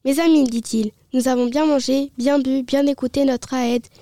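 A woman's voice: high-pitched, fairly even intonation, moderate pace, mellow, close to an everyday voice. A woman reading aloud the lines of a courteous, genial old king, in a raised, announcing delivery. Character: courteous king, older man, genial host.

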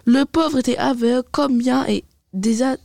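A woman reading a story aloud, halting and restarting words often. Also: high voice, vocal fry, darkish tone, no echo. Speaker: reader.

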